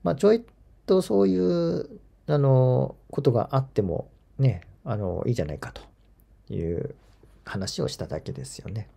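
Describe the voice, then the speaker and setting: A man with a gravelly, very dark voice and a husky edge talks in casual spoken commentary as a channel host. He rambles in a chatty way and chuckles at his own asides. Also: medium pitch, expressive, moderate pace. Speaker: golf channel host reading viewer comments.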